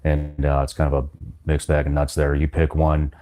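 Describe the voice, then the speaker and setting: A man's voice: extremely low pitch, completely flat delivery, normal speed, mellow. A man hosting a podcast interview, asking blunt, terse questions and swearing casually.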